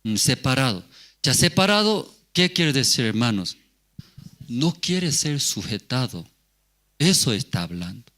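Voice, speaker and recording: A man's voice: mid-range voice, big pitch swings, measured pace, sharp tone. A male pastor giving a sermon, asking the congregation rhetorical questions and repeating key words.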